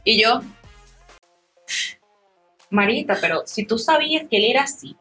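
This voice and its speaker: A woman hosting a podcast in a studio, telling a story in an animated way and acting out the people in it. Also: a little high, a little slow, faint music behind. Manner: animated storyteller, acts out quoted voices. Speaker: podcast host.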